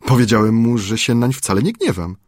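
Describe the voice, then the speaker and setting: A man reading an audiobook chapter in a measured, old-fashioned storytelling manner. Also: mid-range voice, animated, darkish tone, no echo, clean studio sound. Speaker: audiobook narrator. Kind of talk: scripted audiobook narration.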